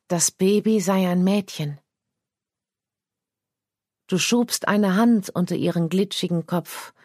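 A woman narrating a first-person literary story in a quiet, measured, intimate reading. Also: on the low side, dry recording, clean studio sound. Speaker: audiobook narrator.

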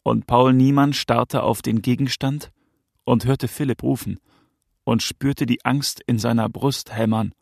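A man narrating an audiobook of a crime novel with a gravelly texture to his mid-range voice. His reading is measured and tense, recorded dry and close with no room sound. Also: mid-range voice, fairly even intonation, no room sound.

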